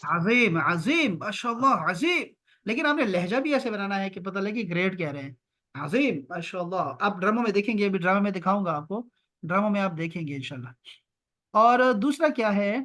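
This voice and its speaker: A man teaching an online language lesson over a video call, repeating words slowly and drawing them out for his learners. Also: sits high, animated, sharp tone. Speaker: Arabic teacher.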